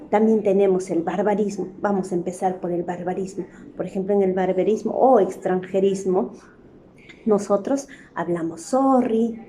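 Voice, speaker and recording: A woman's voice: mid-range voice, dark tone, a little hiss or hum. A woman teacher giving a spoken grammar lesson, explaining patiently and tagging nearly every phrase with a questioning "no?".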